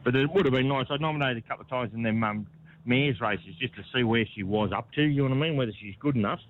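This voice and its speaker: A man's voice: medium pitch, fast. A man with an Australian accent chatting casually in an interview as a horse trainer, rambling and laconic, often repeating himself. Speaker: harness racing horse trainer being interviewed. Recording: tinny phone line with clear noise.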